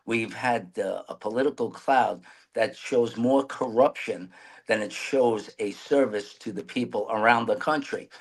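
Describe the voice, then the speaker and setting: A man's voice: medium pitch, creaky, rough recording. A man, answering interview questions earnestly in a rambling way with restarts. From New York City. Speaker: mayoral candidate guest.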